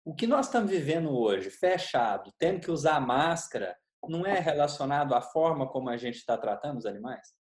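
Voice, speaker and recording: A man's voice: fairly high pitch, sing-song, fairly quick, few pauses. A man hosting an interview, chiming in to agree with his guest and adding his own points. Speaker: host. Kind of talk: casual interview talk. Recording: roomy echoey sound.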